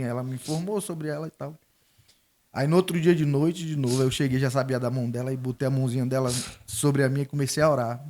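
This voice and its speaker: Middle-aged man, guest on a faith chat, mid-pitched voice, tells his testimony and acts out the voices in it. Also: darkish tone. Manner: storytelling, acting out quoted dialogue.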